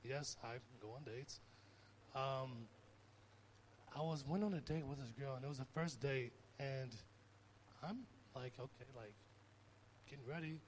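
A young man preaching in a relaxed, conversational way, with a voice of ordinary pitch. He tells personal stories and pushes his voice up for emphasis. Faint hiss sits behind him. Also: measured pace, pauses often. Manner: conversational, animated storytelling with rising emphasis. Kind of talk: informal sermon.

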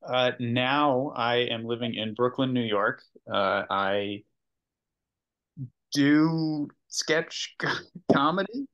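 Slightly muffled call audio carries an American man in casual interview conversation. His voice is medium in pitch. He talks in an understated, somewhat hesitant way. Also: takes it slowly. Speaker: podcast guest, sketch comedian. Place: remote video call.

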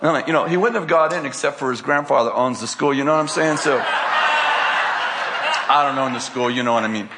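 A man's voice: mid-range voice, fast talker, crowd noise. An older man preaching, telling a story with laughter and acted-out quotes. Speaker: pastor. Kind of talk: sermon storytelling.

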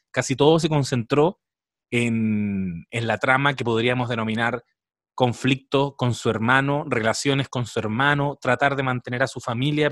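A Chilean man talks through a TV episode in a relaxed podcast chat, pausing on fillers as he works out his points. His mid-range voice is recorded close and dry, with no room sound. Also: mid-range voice, dry recording. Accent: Chilean Spanish. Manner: chatty, analytical, with thinking fillers. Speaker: podcast co-host. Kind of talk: casual podcast chat reviewing a series.

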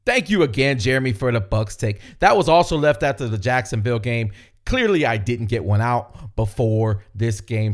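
A man hosting a fan podcast, reacting to listener voicemails in a casual, energetic way with swearing. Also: medium pitch. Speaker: podcast host.

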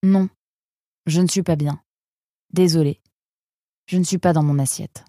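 A woman puts on a critical male storybook creature, reproachful and exasperated with his friend. The voice is lowish and dry. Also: steady tone, a little slow, dark tone, no room sound.

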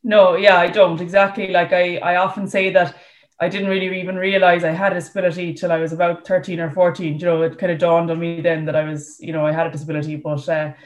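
A woman's voice: lowish voice, little pitch movement, fast. A woman with a west of Ireland accent chatting casually as a guest in an interview. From Galway, Ireland. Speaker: podcast guest, para rower. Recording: dull, muffled lo-fi audio.

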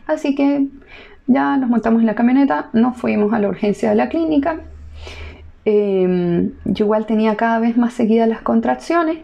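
Woman brief: relaxed storyteller, a bit high, gravelly edge, chatty and laughing. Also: moderate pace, highs cut off. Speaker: new mother telling her birth story. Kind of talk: casual storytelling to camera.

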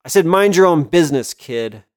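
A man's voice: a little high, lively intonation, normal speed, darkish tone, no room sound, studio quality, pitched above the performer's own voice, natural voice. A man voicing a snapping fiery young woman. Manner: snapping, aggressive. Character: young fierce woman with fiery temper, threatening. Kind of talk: audiobook character voice.

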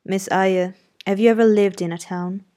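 A woman voicing a brusque, imperious middle-aged gentleman who questions sardonically and gives orders, read as audiobook character dialogue. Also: medium pitch, steady tone, moderate pace, close to an everyday voice. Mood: brusque, commanding.

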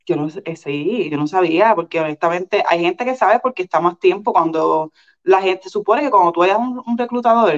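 A woman's voice: lowish voice, brisk. Woman telling her story, muffled lo-fi sound. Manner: animated, many restarts and repeated words. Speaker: guest. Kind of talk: casual storytelling interview. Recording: dull lo-fi sound.

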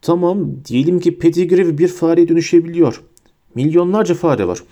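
A man's voice: fairly high pitch, normal speed, warm tone, pitched above the performer's own voice, natural voice. A man voicing a doubtful teenage boy in an audiobook, speaking in a weak, skeptical voice. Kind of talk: audiobook character voice.

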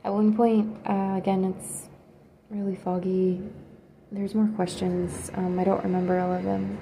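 A woman quietly telling a personal story in a hesitant, halting way, pausing often. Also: medium pitch, level tone, gravelly, noisy background. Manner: hesitant and halting, with many pauses and fillers; quiet, subdued recounting. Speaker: video creator.

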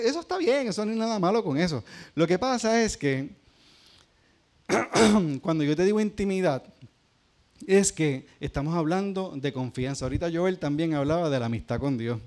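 With a darkish, higher-leaning voice, a Puerto Rican pastor gives a sermon in a Puerto Rican Spanish accent. He addresses the congregation conversationally and asks them questions.

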